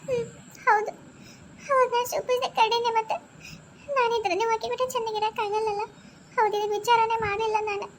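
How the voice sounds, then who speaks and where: A woman's voice: extremely high pitch, level tone, fairly quick, pauses often, slight background noise. A woman with a North Karnataka accent voicing a tearful, self-sacrificing young wife in a cartoon, pleading and sorrowful. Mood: hurt. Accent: North Karnataka Kannada. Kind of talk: cartoon voice acting.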